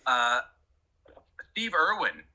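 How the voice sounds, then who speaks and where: A man's voice: on the high side, lively intonation, very slow, bright, forceful tone, rough recording. A man talking in a casual chat, rambling and emphatic with many restarts. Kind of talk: casual conversation.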